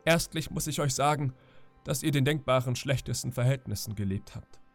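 A young ship's boy speaks up boldly to his captors, as a male reader voices him. The voice stays gravelly and close to the reader's own. It sounds spirited and stubborn. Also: mid-range voice, fairly quick, soft background music, lightly acted. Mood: defiant. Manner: trembling then bold and heated. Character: frightened but defiant young ship's boy.

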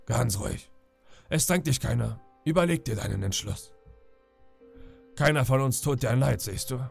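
A man reading an audiobook, voicing a sly, smooth-talking old pirate captain who coaxes with false friendliness. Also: medium pitch, animated, normal speed, soft background music, exaggerated voice. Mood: coaxing. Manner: wheedling, falsely friendly with sudden threats.

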